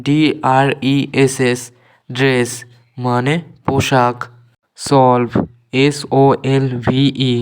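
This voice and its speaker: Guy doing a slow vocab drill, spells every word out, very clear voice. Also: medium pitch. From Bengal. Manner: slow, even spelling out of words letter by letter. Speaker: English teacher. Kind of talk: word-list vocabulary lesson.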